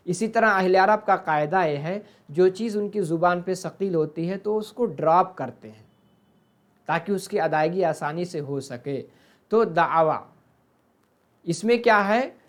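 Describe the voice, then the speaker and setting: A teacher, patiently explaining a grammar lesson over slides and drilling verb forms aloud. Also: mid-range voice.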